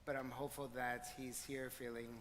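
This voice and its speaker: A man leading a synagogue service, speaking in a bright, forceful voice. His gentle, encouraging words carry long reverb through a large sanctuary. A faint room hum sits underneath. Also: medium pitch, little pitch movement, fairly quick. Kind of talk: leading a congregation, switching between Hebrew and English. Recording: distant mic with long hall reverb.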